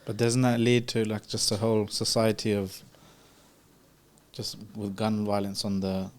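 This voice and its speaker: A man's voice: fairly low pitch, completely flat delivery, measured pace. A man hosting a podcast, asking curious questions in a casual, hesitant way with many fillers. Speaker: podcast host.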